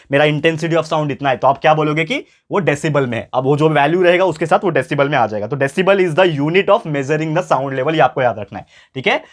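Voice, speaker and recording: A man tutoring a school science class, talking to viewers as friends, repeating key points and speaking a little louder than normal to stay clear. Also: on the high side. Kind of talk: online science lesson.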